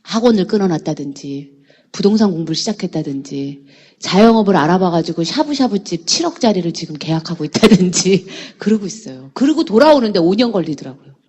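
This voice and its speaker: Husky, animated woman giving a motivational talk. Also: lowish voice, brisk. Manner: animated, acts out quoted people; addresses audience with rhetorical questions. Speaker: seminar speaker.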